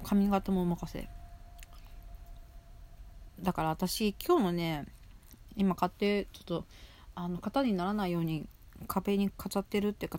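A woman's voice: fairly low pitch, mellow, a little hiss or hum. A woman hosting a solo show in casual, rambling chat, chewing as she talks with food in her mouth and often repeating phrases. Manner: chewing while talking, mouth often full. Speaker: solo audio show host. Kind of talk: casual chat while eating.

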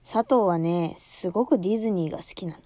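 A woman's voice: on the low side, fast talker, dark tone, no room sound. A young woman hosting a casual solo talk show, chatting in a rambling way and laughing often.

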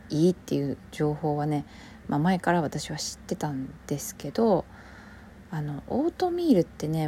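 A woman with a Kansai accent, an actor chatting alone on her own show, relaxed and rambling, often sinking to a soft near-whisper. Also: on the low side, a little hiss or hum. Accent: Kansai Japanese. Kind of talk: casual solo podcast chat.

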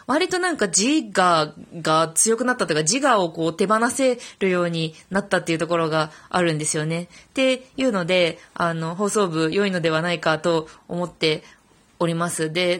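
A middle-aged woman from Fukuoka with a Hakata accent and slightly lisped sh sounds, talking casually on her own podcast and reciting in a loud, belly-projected voice trained in a school broadcast club. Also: lowish voice, expressive, moderate pace. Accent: Hakata dialect. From Fukuoka, Japan. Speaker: podcast host. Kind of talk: casual solo talk, then recitation of a classical tongue-twister piece.

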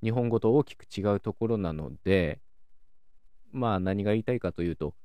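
A man calmly hosting a solo educational talk, explaining the sounds and grammar of a language. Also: on the low side, normal speed, smooth, no echo. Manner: calm, explanatory, lively intonation. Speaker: podcast host explaining linguistics.

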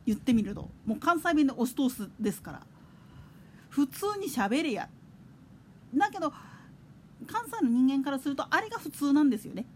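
A woman's voice: high voice, sing-song, fast, slight background noise. A woman hosting a casual solo chat radio show, talking in a chatty, digressive way. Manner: chatty, digressive, with soft laughs. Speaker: podcast host.

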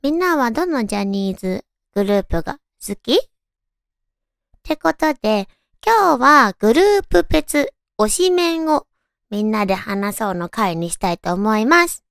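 High, cute anime-girl voice, creaky young-sounding woman. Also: lively intonation, normal speed, a bit bright, no room sound, studio quality. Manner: chatty, musing aloud to listeners. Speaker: radio show host. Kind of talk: casual solo radio chat.

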